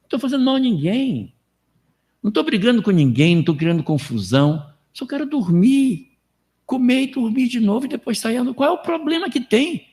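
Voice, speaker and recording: A man voicing a lazy, self-justifying young man who defends himself in a high, whining tone. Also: very animated, a little fast, a little mellow, exaggerated voice. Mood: whiny defensive. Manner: high-pitched whining protest.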